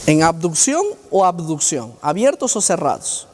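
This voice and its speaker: A man's voice: fairly high pitch, sing-song, a little slow, darkish tone, slight background noise. A middle-aged man giving a university lecture, often firing rhetorical questions at his audience. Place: lecture hall. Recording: long hall reverb.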